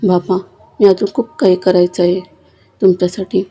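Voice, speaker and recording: A woman's voice: lowish voice, level tone, normal speed, mellow, husky, soft background music. A woman reading a young son's pleading lines to his ailing father in a storybook tale. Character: grieving young adult son.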